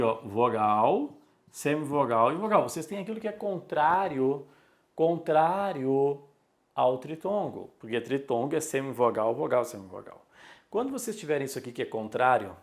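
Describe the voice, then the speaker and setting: A man's voice: medium pitch, expressive, normal speed. A man, teaching a recorded exam-prep lesson and repeating key words for emphasis.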